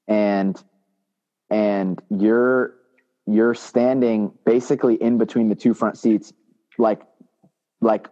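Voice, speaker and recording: A man in a relaxed chat, retelling a shared band story from his own memory. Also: fairly low pitch, long reverb tail. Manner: laid-back, chiming in and retelling from his side. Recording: dull lo-fi sound.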